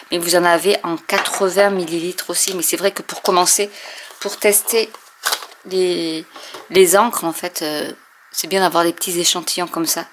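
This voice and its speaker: A woman casually showing and testing inks, hesitating often with many fillers and often trailing off softly. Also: on the low side, slight background noise. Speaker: craft video host. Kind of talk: casual product demo.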